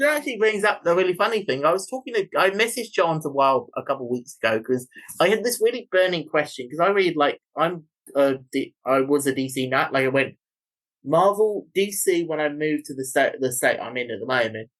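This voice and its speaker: A man's voice: a little high, expressive, a little fast, a bit bright, poor audio. Man with a thick British-leaning New Zealand accent. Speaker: guest co-host. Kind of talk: casual chat.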